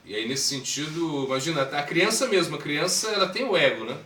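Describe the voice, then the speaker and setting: A man's voice: a little high, animated, brisk. A man as swami giving an informal spiritual talk, conversational, asking the audience questions and acting out voices. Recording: echoey room, mic far off, noisy.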